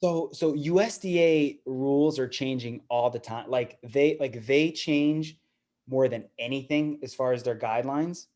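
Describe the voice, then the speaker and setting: Speaking to investors as an invited guest, this man has a medium-pitched, somewhat dark voice and takes his time. The seminar feels casual and conversational, full of repeated words and fillers such as "you know."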